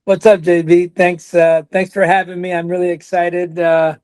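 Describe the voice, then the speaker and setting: A man in his forties, born in Colombia and raised in Texas, is a college soccer coach earnestly telling his story as a podcast guest, with a slight Texas accent. His high voice is a little mellow, with flat delivery at a moderate pace, in a studio-quality recording with no echo.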